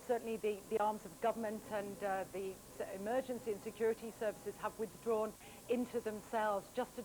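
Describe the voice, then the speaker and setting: A woman's voice: medium pitch, rough recording. A British woman giving an unscripted live news report from outdoors in a city street. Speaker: news correspondent. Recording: faint street noise, VHS broadcast.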